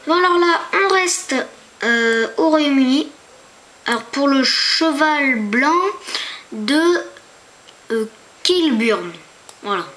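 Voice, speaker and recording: High-voiced chatty woman. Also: animated, slow, long pauses, a bit bright. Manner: chatty, hesitant, stumbles over foreign names; talks to viewers with rhetorical questions. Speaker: YouTuber. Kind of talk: casual screen-tour commentary.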